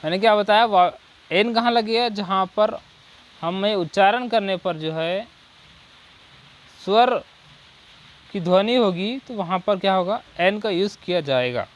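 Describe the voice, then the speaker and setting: A high-voiced man teaching at a coaching class covers English articles in Hindi. He reads English example sentences slowly and keeps drilling with rhetorical questions and "ठीक है."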